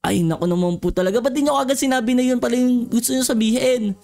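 A YouTuber doing a cute, excitable kid voice. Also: medium pitch, fast talker, vocal fry. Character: cute childlike Grimace, chatty and easily scared. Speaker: gaming YouTuber. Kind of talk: Minecraft role-play for kids.

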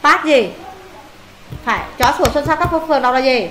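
A woman's voice: sits high, expressive, a little fast, a bit bright, a little hiss or hum. A woman tutoring a pupil in English, firing questions at him and scolding and teasing him when he gets answers wrong. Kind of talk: casual one-on-one homework tutoring. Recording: echoey room with faint ambience.

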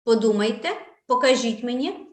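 A woman teaching young children to read, sounding out syllables patiently and slowly in a sing-song way. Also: on the high side, echoey room. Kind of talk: online preschool reading lesson.

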